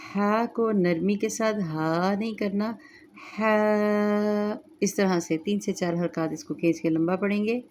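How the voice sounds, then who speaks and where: A woman teaching Quran recitation rules, chanting verses slowly and then explaining each rule calmly, with an Urdu accent. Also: mid-range voice, a little hiss or hum. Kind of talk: tajweed lesson, slow recitation then explanation.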